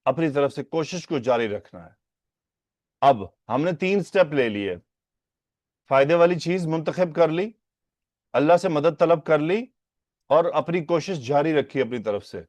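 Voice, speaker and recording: A man teaching a religious text in an unhurried lecture style, repeating phrases, breaking down their grammar and asking his listeners rhetorical questions. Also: fairly high pitch, lively intonation, a little mellow, no echo. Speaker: hadith teacher. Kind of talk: Urdu lesson on Arabic hadith grammar.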